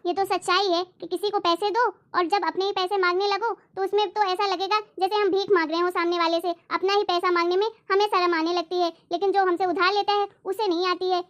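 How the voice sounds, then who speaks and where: Girl doing a big sister who's done waiting, scolding and preachy, super high voice, hindi home drama skit. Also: level tone, a little fast, hardly any pauses, fairly bright tone. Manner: scolding, insistent, lecturing. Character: fed-up elder sister demanding her money back. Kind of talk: acted family drama skit.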